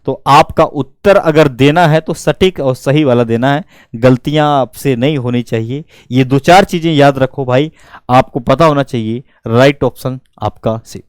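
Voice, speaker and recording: A man's voice: mid-range voice, no echo. A young man with a north Indian Hindi accent teaching an exam-prep grammar lesson, full of rhetorical questions and imagined student replies. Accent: Hindi-speaking north Indian. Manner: explains with many rhetorical questions and student asides.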